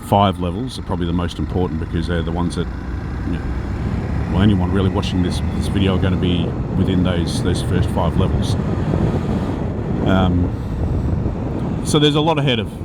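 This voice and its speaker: A man's voice: low voice, moderate pace, very noisy. A man with a broad Australian accent giving an informal, unscripted teaching talk to viewers, rambling and correcting himself as he goes. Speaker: spiritual teacher and video host.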